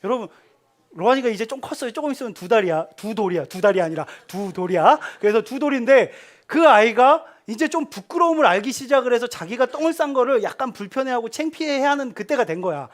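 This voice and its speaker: A male pastor giving a sermon to a youth congregation, telling stories in an animated way and often dropping to a hushed, tender voice. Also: very high voice. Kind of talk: sermon to teenagers.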